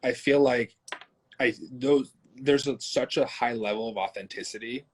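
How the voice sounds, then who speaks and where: A man hosting an interview, talking in an animated way with many fillers. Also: mid-range voice, normal speed, breathy edge. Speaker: host. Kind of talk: conversational interview.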